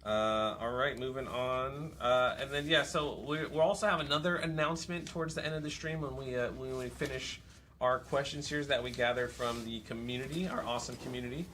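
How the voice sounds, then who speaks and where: Bright upbeat male stream host. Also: medium pitch, fairly even intonation, a little fast, slight background noise. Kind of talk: reading community questions on a livestream.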